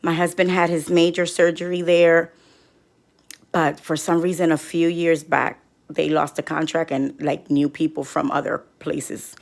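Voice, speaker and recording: A middle-aged woman vlogger telling viewers a story in a casual, animated way, acting out what others said. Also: deep voice, measured pace, creaky. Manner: rambling with many restarts. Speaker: couponing vlogger. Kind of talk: casual personal update to viewers.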